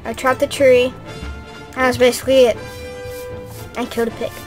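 A woman casually commenting on her own gameplay, mostly muttering and grumbling to herself, sometimes breaking into loud shouts. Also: a little high, level tone, normal speed. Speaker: gaming YouTuber. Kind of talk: casual let's-play commentary. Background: clear music.

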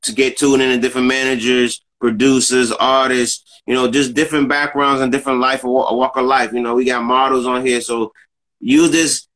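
A man's voice: medium pitch, a bit bright, low-quality recording. A man hosting a casual livestream podcast, talking in a hyped-up way, repeating himself and stumbling over words. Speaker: podcast host. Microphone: phone camera.

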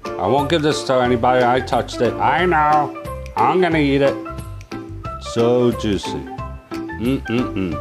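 A man reviewing a kitchen oven in a home kitchen, chatting excitedly with viewers. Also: medium pitch, slow pace, pauses often, music in the background. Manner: exuberant, chatty, calls viewers "my friends" and "baby". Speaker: cooking appliance reviewer. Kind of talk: casual cooking review.

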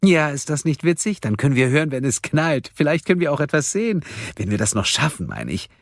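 A man voicing a deranged, gleeful woman kidnapper in an audiobook, with shrill giggling and sing-song menace. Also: big pitch swings, brisk, dry recording, studio quality. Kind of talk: audiobook character voice.

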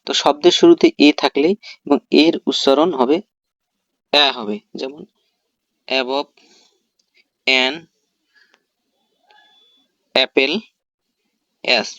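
A man's voice: mid-range voice, expressive, drawn-out words, vocal fry, pauses often, a bit bright, dry recording, muffled recording. A man giving a pronunciation lesson, explaining rules step by step and putting questions to himself and then answering them. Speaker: English teacher. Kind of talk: spoken English pronunciation lesson.

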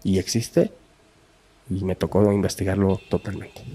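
A man's voice: low voice, flat delivery, measured pace, mellow, slight background noise. A man with a Mexican accent, a podcast guest, earnestly telling a true crime case in casual talk and acting out the people in it. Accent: Mexican Spanish. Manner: earnest, acts out quoted voices in the story.

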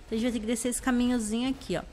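A young woman with a Brazilian Portuguese accent, chatting casually through her own gameplay. Her voice is slightly hoarse, and she talks excitably with sudden high shrieks. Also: very fast, slight background noise. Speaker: gameplay video host. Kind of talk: casual let's-play commentary.

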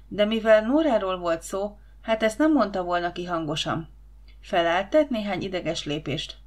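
Woman narrating a sci-fi audiobook, steady measured reading. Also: on the low side.

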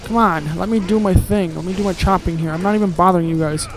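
A man's voice: high-pitched, fairly even intonation, fast talker, over music, low-quality recording. A man giving casual, grumbling let's-play commentary while he plays, with sarcastic asides and casual swearing.

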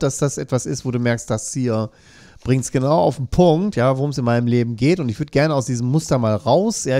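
A man's voice: medium pitch, warm tone. A man hosting a live coaching show, reading viewer comments aloud in an earnest way and often checking in with a questioning "ja?". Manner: earnest, keeps adding questioning "ja?" tags.

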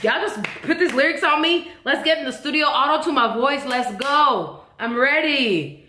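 A woman hosting a reaction video, chatty and animated, who breaks into excited squeals and sings along. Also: sits high, normal speed. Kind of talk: casual reaction commentary. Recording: echoey room with loud music playing.

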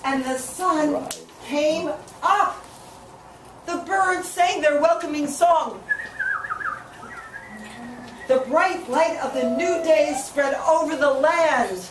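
Woman, storyteller reading to children, expressive, asks questions, high voice, echoey room, background noise. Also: slow pace, long pauses, distant mic. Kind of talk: reading a picture book aloud to children.

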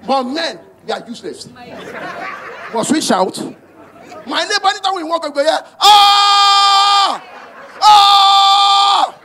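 High-pitched Nigerian comedian shouting punchlines. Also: male voice, takes it slowly, pauses often, some chatter behind. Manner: loud, punchy, switches into voices of others, shouts punchlines. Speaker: stand-up comedian. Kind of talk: stand-up comedy in Pidgin and English. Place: cinema hall stage with a live audience. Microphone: handheld mic. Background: audience laughter.

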